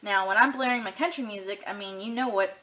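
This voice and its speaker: A vlogger in her thirties speaks fast in a sharp, mid-range voice while doing a tag video to camera. Her manner is easygoing and frank, and she rambles with lots of ums and you-knows.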